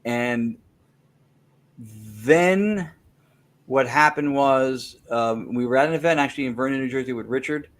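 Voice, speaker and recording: A man with a mid-range voice, speaking a little slowly, appears as an interview guest who researches spirit communication. He explains a technical method in detail, correcting himself and repeating words as he thinks.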